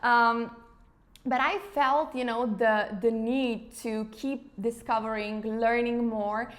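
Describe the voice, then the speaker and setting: A woman's voice: a little high, fairly even intonation, slow. A woman in her thirties from Slovenia, an English speaker, chatting casually in an interview with frequent fillers like "you know". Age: 30s. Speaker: interview guest, face yoga founder.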